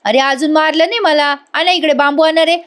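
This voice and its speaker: A woman voicing an elderly father who scolds and shouts at his son in a retold serial scene. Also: sits high, fairly even intonation, fairly quick, pitched above the performer's own voice. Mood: scolding. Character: elderly father, stern, tearful, quick to anger.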